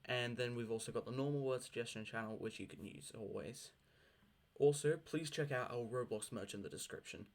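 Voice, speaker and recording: A man hosts a scripted pronunciation tutorial in a mid-range voice. He speaks in a slow, deliberate way, enunciating like a spoken dictionary entry. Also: mid-range voice. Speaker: host of a pronunciation tutorial channel.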